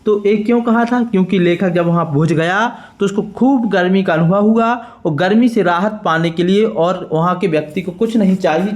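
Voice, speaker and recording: Male schoolteacher, Madhya Pradesh accent, high voice, patient dictation. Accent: Madhya Pradesh Hindi. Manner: slow, clear dictation of words one by one. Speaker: teacher. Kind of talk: worksheet lesson for school pupils.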